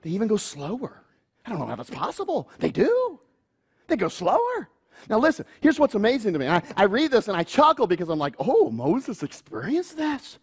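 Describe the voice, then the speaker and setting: A male youth pastor preaching a sermon in a church, animated and chuckling often. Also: high-pitched, fairly quick, breathy edge.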